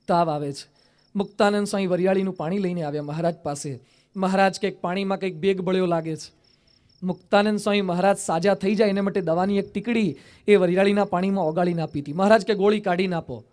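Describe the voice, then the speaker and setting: Monk preacher, male, high voice, narrative sermon, quips and rhetorical questions. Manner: rhetorical questions and wry humorous asides. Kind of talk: storytelling sermon.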